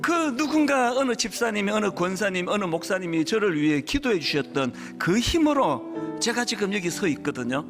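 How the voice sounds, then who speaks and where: Middle-aged male pastor, animated and emotional sermon storytelling, wide swooping pitch, echoing church hall. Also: normal speed, over music. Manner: animated, emotional storytelling with sudden rises and drops. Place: church sanctuary.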